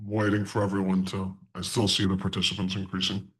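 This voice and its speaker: Man with a disguised deep voice-changer voice. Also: completely flat delivery, a little fast, a bit bright. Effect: voice changer giving a disguised deep, Darth Vader-like voice. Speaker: online course instructor. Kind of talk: live online lecture. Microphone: online video call through a voice changer.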